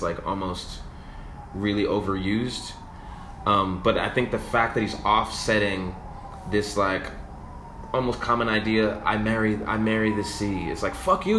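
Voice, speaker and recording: A man's voice: on the low side, a bit bright, a little hiss or hum. A man from New York hosting his own podcast, rambling casually and profanely about songwriting, trailing off with fillers. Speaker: podcast host streaming with a guitar. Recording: roomy echo with guitar playing. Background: acoustic guitar.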